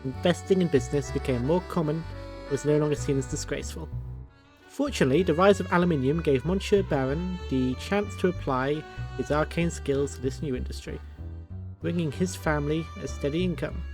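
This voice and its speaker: A slightly high male voice reads game narration aloud, then breaks off into crude, sarcastic asides. His delivery is casual and loose. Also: brisk, over music. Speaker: streamer. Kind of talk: reading game text aloud with casual commentary.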